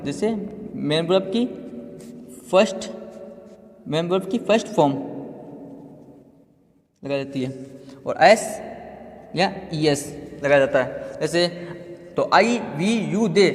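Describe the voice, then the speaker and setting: A man's voice: high-pitched, expressive, takes it slowly, pauses often. A man giving a step-by-step grammar lesson, repeating terms and asking himself questions. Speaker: grammar teacher. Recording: echoey room with long reverb.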